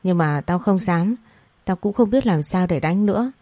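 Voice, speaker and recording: A woman's voice: on the low side, lively intonation, moderate pace, warm tone, no echo. A woman reading a tearful, panicked young wife. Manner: tearful, flustered. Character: panicked young wife, sobbing best friend.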